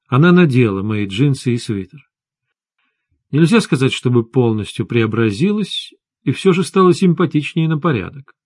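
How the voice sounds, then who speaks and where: Calm male audiobook narrator, dry sound. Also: mid-range voice, moderate pace, no room sound. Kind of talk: first-person audiobook narration.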